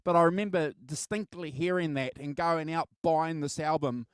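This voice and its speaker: Smooth, higher-voiced middle-aged man chatting. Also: dry recording, clean studio sound. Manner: halting, repeats words and stumbles. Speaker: host of a music album show. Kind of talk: casual chat, personal reminiscence.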